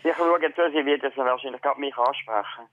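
A man's voice: medium pitch, no echo. Man calling in over the phone. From Switzerland. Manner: halting, plain recounting. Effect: heard over the phone. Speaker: caller. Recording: tinny phone line.

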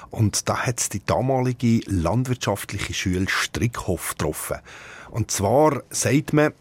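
Low, husky Swiss German man explaining. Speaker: radio editor and reporter. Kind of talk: explaining in a studio interview. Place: dry radio studio.

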